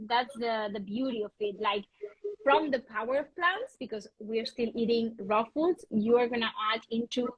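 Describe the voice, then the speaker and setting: A woman's voice: on the high side, fairly bright tone, no echo, poor audio. A woman guest on a video-call interview, explaining her wellness program in an earnest, passionate way. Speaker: guest, wellness retreat host. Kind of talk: interview conversation.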